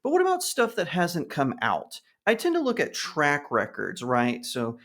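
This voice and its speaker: A man talking casually to camera, giving his opinions on films and telling an anecdote in an animated way. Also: a little high, normal speed. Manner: animated storytelling, acts out other people with a raised voice. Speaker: YouTube commentator.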